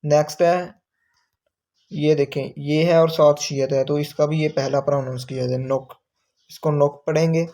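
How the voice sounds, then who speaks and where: Guy going through textbook vocab, kinda high voice, pretty monotone, says each word then explains it. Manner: repeats words slowly, explains each term; reads aloud from a textbook. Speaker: Korean language teacher.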